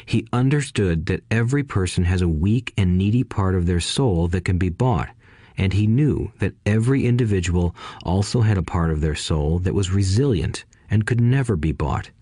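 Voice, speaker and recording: Low-voiced man reading an audiobook. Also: animated, moderate pace, warm tone, no room sound. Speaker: narrator. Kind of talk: audiobook narration.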